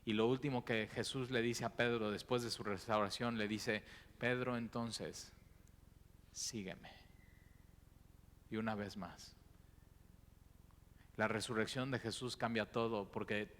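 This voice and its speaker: A man, a pastor giving an expressive, conversational sermon with informal asides. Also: fairly low pitch, normal speed. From Mexico. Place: church auditorium. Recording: long reverb of a church hall.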